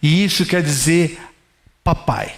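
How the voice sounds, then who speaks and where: High-voiced pastor preaching. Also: male voice, lively intonation, slow, creaky. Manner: conversational preaching, addresses the congregation directly. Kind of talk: sermon.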